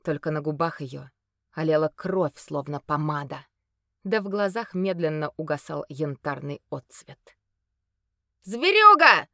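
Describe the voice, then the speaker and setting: A woman reading a fantasy story aloud in a steady, expressive audiobook narration. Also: deep voice, a little slow, dry recording, studio quality.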